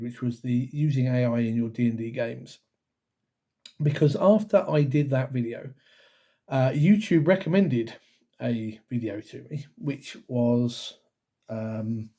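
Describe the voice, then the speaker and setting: Male channel host, dark mellow tone, slightly croaky from a cold, casual rambling delivery. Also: mid-range voice. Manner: rambling with many ums and self-corrections. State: recovering from a cough, slightly croaky. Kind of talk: casual vlog talk to camera.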